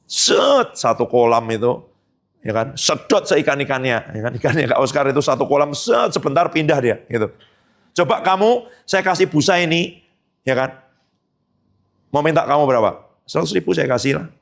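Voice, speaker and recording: A man's voice: fairly high pitch, big pitch swings, moderate pace, creaky. A man preaching a conversational sermon as pastor, rising into emphatic peaks and acting out quoted dialogue.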